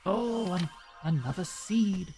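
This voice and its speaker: Over background game music, a streamer jokes around and thinks out loud while playing a video game in casual let's-play style. His voice is high and animated, his pace slow, his tone warm.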